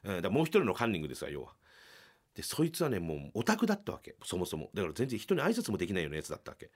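A middle-aged man hosting a podcast from a small radio studio, telling a comedy story and acting out the people in it with loud, shouted bursts. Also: huge pitch swings, very fast, slightly rough. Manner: acts out quoted shouting with big pitch jumps. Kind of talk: animated storytelling.

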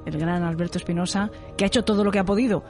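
A woman's voice: lowish voice, steady tone, rapid-fire, a little mellow. A woman with a Spain Spanish accent presents a prepared podcast introduction as host, formal and courteous. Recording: music under the voice. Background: music.

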